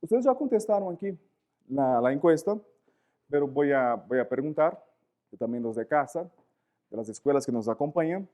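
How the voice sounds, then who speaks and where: A native Portuguese speaker lectures live in Spanish with a Portuguese accent, his voice medium-pitched and his pace normal. He's animated but pauses often, searching for words and posing rhetorical questions.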